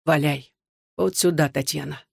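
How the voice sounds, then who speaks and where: An audiobook reader voicing a weary man on the run who speaks quietly and soothingly. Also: fairly high pitch, steady tone, moderate pace, gravelly, slightly rough, no echo, studio quality, full character voice. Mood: bitter.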